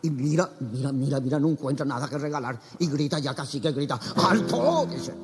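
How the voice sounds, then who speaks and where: A Paraguayan man telling a comic story in an animated, theatrical way with a Paraguayan accent. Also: medium pitch, fast, long reverb tail, soft background music. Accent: Paraguayan Spanish. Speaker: comedian. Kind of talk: comic storytelling on a cassette album.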